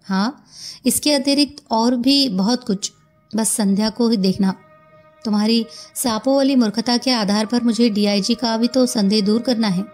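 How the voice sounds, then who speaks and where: Woman voicing a composed male police detective, measured, gentle, higher pitch. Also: soft background music, lightly acted. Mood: calm.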